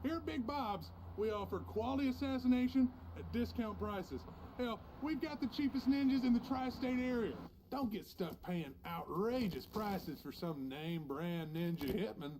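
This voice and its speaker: A man voicing a sleazy, pushy male pitchman in a spoof commercial played back from an old VHS tape, with over-familiar hard-sell patter. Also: lively intonation, moderate pace, darkish tone, a little hiss or hum, poor audio. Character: sleazy, pushy male pitchman selling cut-rate ninja hitmen.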